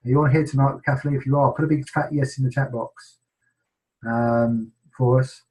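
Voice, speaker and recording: A man's voice: mid-range voice, steady tone, moderate pace, darkish tone, low-quality recording. A middle-aged man with an English accent, hosting a team sales webinar in a casual, enthusiastic way with many ums and restarts.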